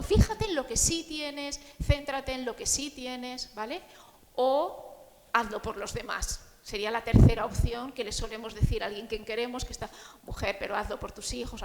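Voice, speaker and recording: A woman counselor addresses an audience in a conversational way, often checking in with them and acting out the phrases people say. Her voice sits somewhat high. The recording carries the long reverb of a large hall. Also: creaky. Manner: warm, conversational, often asks the audience "¿no?" and "¿vale?"; acts out the quoted voices of friends and grieving people. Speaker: grief counselor speaking at a panel. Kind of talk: talk to a live audience.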